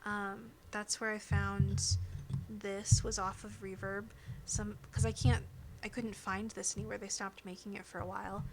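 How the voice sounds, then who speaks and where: A woman's voice: mid-range voice, little pitch movement, normal speed, noisy background. A woman livestreaming, chatting casually and rambling with viewers into a dynamic microphone, often laughing as she talks. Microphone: dynamic studio microphone.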